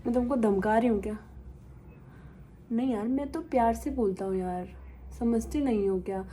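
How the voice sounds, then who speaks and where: A woman's voice: a little high, moderate pace, dark tone. A young woman vlogger chatting casually and teasing her viewers in a playful, chatty way. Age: young adult. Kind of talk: casual chit-chat vlog.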